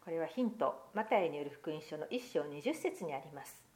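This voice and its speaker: A woman leading a church children's talk, asking Bible quiz questions and then reading a picture book aloud with gentle, expressive storytelling and voices. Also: sits low, a little fast.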